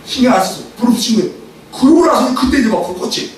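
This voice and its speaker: A middle-aged man preaching a sermon as a seminary professor, telling anecdotes and acting out quarrels with sudden shouted lines. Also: very high-pitched, quick pace. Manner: animated storytelling, acts out quarrels with sudden shouts. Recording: echoey hall, far from the mic, faint noise.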